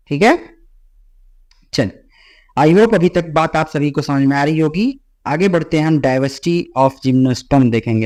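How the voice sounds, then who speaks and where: A young man teaching a biology lesson, slowly reading English textbook lines and explaining them in a lecture voice, often checking in with "theek hai". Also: fairly high pitch, a little mellow. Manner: mixes Hindi and English, reads English lines slowly then explains; frequent "theek hai" fillers, addresses students directly.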